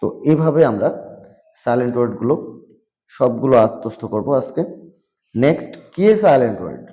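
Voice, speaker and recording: A man teaching English vocabulary in a slow classroom style, repeating each word and its meaning and slipping into English phrases. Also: mid-range voice, expressive, mellow. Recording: long hall reverb.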